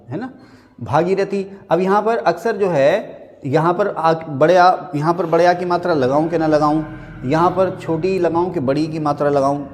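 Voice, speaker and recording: A man teaching a Hindi spelling lesson, naming each common mistake and then slowly spelling out the correct form. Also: on the high side, a little mellow, big-room sound. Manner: drills words, stating the wrong and the right spelling again and again; slows right down to spell a word out. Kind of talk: classroom-style spelling lesson.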